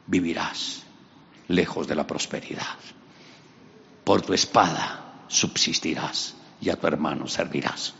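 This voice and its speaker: A frail old blind father speaks in a hushed, weary murmur, as a preacher puts him on. His low voice is soft and gravelly, on a slightly dull recording with faint noise. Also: a little slow, heavily acted.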